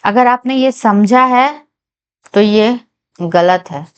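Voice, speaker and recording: A woman teaching a whiteboard reasoning lesson, reading each English statement slowly and carefully and checking in with her viewers. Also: medium pitch, clean tone, highs cut off. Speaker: reasoning tutor for bank exams.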